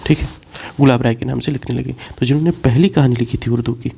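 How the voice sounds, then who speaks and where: A man's voice: mid-range voice, steady tone, vocal fry, warm tone, slightly rough. A man teaching a class as a lecture, explaining step by step and repeating key points. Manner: explains slowly, repeats key points, mixes in English words.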